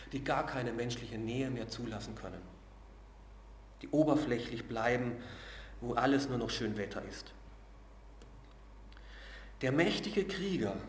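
Prediger in hallendem Saal. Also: male voice, medium pitch, reverberant, a little hiss or hum. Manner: earnest, slows and drops to a hush on key words; uses filler sounds between phrases. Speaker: preacher. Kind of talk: sermon.

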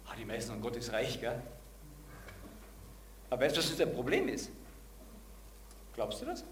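A man's voice: mid-range voice, very animated, moderate pace, a little hiss or hum. A man preaching a sermon and asking the congregation direct questions.

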